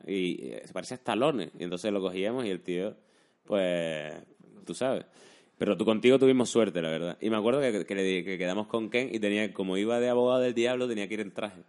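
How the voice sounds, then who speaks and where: Man, lowish voice, informal conversation, colloquial, frequent tag questions. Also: fast talker, a little mellow. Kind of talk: casual chat, anecdotes.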